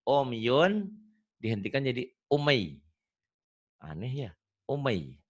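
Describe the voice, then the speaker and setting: A man's voice: medium pitch, sing-song, slow pace, muffled recording. A man teaching Quran reading in an online lesson, patient and joking, repeating words for a student to copy. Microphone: video call.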